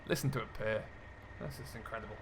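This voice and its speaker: Speaking fast in a fairly low voice, this British streamer and host talks casually through his farming simulator role play, explaining things and thinking out loud. Behind him, the game's tractor and loader engines rumble clearly.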